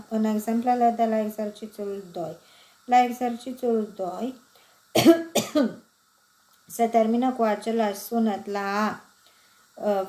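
A woman with a Romanian accent teaching a textbook lesson, reading exercises quickly and then slowing down to count verse syllables aloud. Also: a little high, warm tone.

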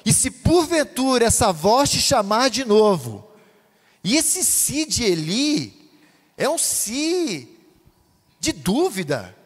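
Male preacher, Brazilian Portuguese accent, high-pitched, fervent chanting delivery, long church reverb. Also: big pitch swings, slow, slightly rough. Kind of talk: pentecostal sermon. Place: church hall.

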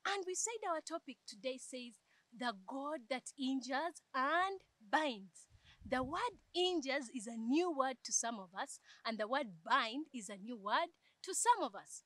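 A young woman teaching a children's Bible lesson outdoors, telling the story lively and expressively. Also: sits high, moderate pace, few pauses, dry recording. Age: young adult. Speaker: Sunday school teacher. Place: outdoors in a garden.

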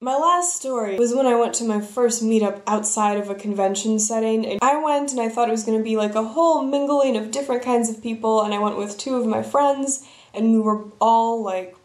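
A woman's voice: on the high side, brisk, roomy sound. A young woman telling embarrassing stories in a wry, self-deprecating way. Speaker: vlogger. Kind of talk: storytelling vlog.

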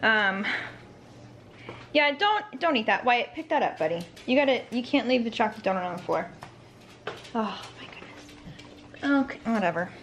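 A woman's voice: on the high side, big pitch swings, moderate pace, pauses often, fairly bright tone. A young woman vlogging casually at her family's home, chatting to the camera and coaxing her toddler in a sing-song voice. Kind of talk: casual vlog chat. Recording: noisy home ambience.

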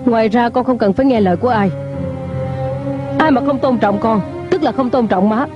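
A woman's voice: a little high, brisk, lightly acted. A woman dubbing a stern older matriarch of a wealthy clan in a TV drama, commanding and scolding. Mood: tender. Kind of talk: dubbed TV drama. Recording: dull lo-fi dub with loud music.

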